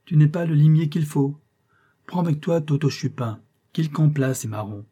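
Irritable older male agent, bland then sharp, mellow husky voice, put on by a male reader. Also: on the high side, normal speed, muffled recording, voice pushed up. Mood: angry. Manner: shifts from bland courtesy to bursts of temper. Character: scheming older male employment agent, irascible.

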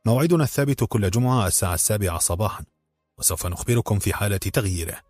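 A man voicing a calm, courteous male leader of a secret group in an audiobook, husky and low, over faint music. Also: dry recording, studio quality. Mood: calm, measured. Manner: measured, courteous, gently commanding.

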